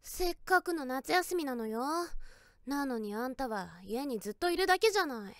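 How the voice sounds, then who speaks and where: A woman's voice: high voice, animated, moderate pace, no echo, clean studio sound. A woman playing a tsundere teenage girlfriend in a situation voice drama, snappy and pouting on the surface and shyly affectionate underneath. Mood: indignant, whiny. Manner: tsundere: snappy, pouting scolding that slips into shy softness. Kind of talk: Japanese situation voice drama, addressed to the listener.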